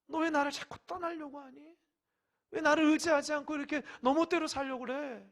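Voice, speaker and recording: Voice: sits high, fairly even intonation, brisk, voice pushed up. A preacher voicing God as a loving heavenly father who speaks to his children in a raised, impassioned voice. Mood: grieved pleading.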